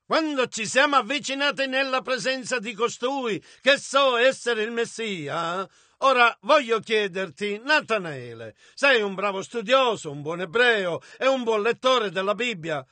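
Very high, bright man interpreting a sermon. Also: expressive, measured pace, dry recording. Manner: emphatic, bursts into shouting.

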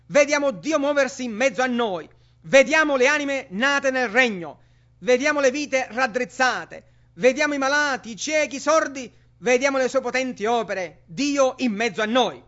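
A man's voice: very high voice, animated, normal speed, sharp tone. A man preaching a sermon with emphatic rhetorical questions to the congregation. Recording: dull lo-fi sermon recording.

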